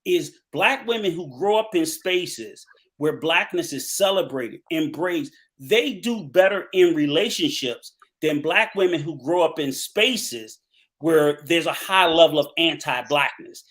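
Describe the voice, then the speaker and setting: A man making his point forcefully in a livestream discussion, talking fast then slowing for emphasis. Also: on the high side, expressive. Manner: emphatic, argumentative, speeds up and slows down.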